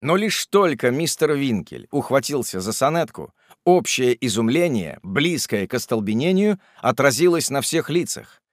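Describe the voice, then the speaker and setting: Animated male audiobook narrator. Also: medium pitch, moderate pace, no echo, studio quality. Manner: animated, theatrical storytelling. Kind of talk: scripted narration of a classic novel.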